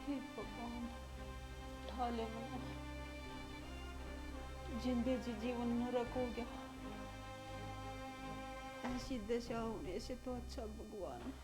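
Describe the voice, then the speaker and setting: A woman playing a frail elderly mother-in-law who talks in a slow, pleading, tired way. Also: fairly high pitch. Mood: weary. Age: older. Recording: background music under voice.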